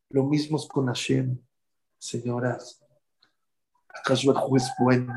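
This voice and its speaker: A man giving a storytelling sermon, animated and addressing his audience directly. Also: mid-range voice, gravelly, rough recording. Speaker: religious speaker.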